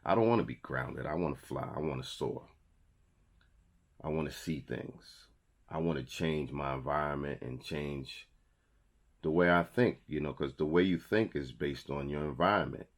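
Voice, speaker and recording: Standing before a logo wall in a small indoor studio, this thirty-something New Yorker delivers motivational words to camera. His bass voice carries vocal fry at a moderate pace, and he stays conversational yet emphatic, hammering his key phrases again and again.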